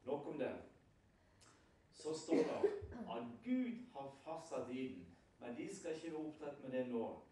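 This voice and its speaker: Man preaching in a booming echoey hall. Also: very animated, noisy background. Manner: storytelling, asks listeners rhetorical questions. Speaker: lay preacher. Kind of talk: sermon. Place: prayer house hall. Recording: very echoey hall, far from the mic.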